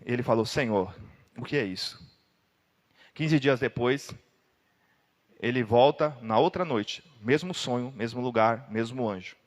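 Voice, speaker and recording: A man preaching a sermon with a Brazilian Portuguese accent, telling a dramatic story and breaking into loud cries now and then. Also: medium pitch, unhurried, long pauses, in a large hall.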